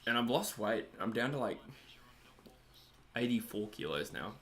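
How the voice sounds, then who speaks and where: A man's voice: medium pitch, animated, measured pace, a bit bright. A man in his twenties with an Australian accent, hosting a casual livestream and chatting as he reads out viewer messages. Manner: chatty, rambling, self-deprecating. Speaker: livestream host reading chat. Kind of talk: casual live chat over a cricket match.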